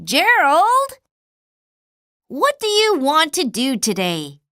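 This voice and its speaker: A woman's voice: high voice, wildly swooping pitch, slow, sharp tone, no room sound, clean studio sound, full character voice. A woman voicing a cheerful, caring female pig friend, asking eager questions in a storybook read-aloud. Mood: caring concerned.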